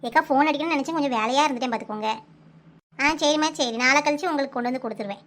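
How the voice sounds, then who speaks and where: Woman cartoon voice artist with a Kanyakumari Tamil accent; very high, bright, fast and bossy. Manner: brisk, bossy village chatter. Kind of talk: cartoon voice acting.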